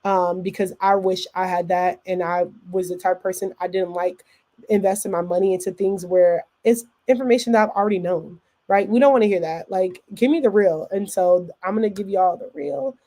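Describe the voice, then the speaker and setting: A woman's voice: mid-range voice, fairly even intonation, fairly quick, mellow. A woman hosting a live stream, talking casually to viewers with many fillers and self-corrections. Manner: chatty, fillers and self-corrections, reads viewer comments aloud. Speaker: host of a live business stream. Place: in or near Atlanta.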